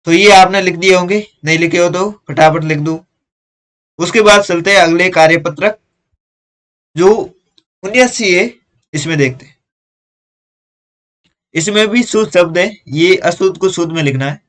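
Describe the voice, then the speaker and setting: A man's voice: high voice, normal speed, long pauses, a bit bright. A male teacher patiently going through workbook exercises step by step, explaining corrections. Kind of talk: workbook lesson walkthrough.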